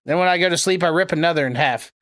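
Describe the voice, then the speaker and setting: A prank caller and streamer talks very fast in a mid-range, fairly bright voice during a casual livestream chat with prank calls. He's sarcastic, crude and rambling.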